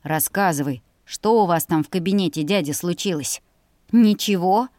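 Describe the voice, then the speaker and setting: A woman voicing a grumpy, indignant young man, the heroine's brother, speaking in a sulky, grumbling way, a little lower than her own voice. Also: moderate pace, a little mellow, dry recording, clean studio sound, close to an everyday voice. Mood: prying.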